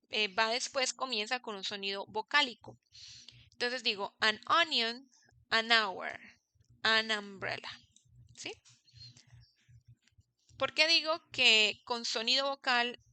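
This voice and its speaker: A woman's voice: a little high, bright, forceful tone, no echo. A young woman teaching an English grammar class, patiently checking that her students follow. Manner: patient, checks understanding with frequent "¿sí?". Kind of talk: recorded online class.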